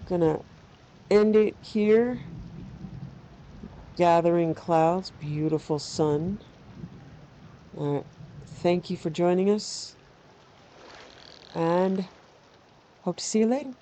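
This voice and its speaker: Slow, mellow woman gamer. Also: fairly low pitch. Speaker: gamer host. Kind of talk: casual game commentary, reading quest text aloud. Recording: faint background noise.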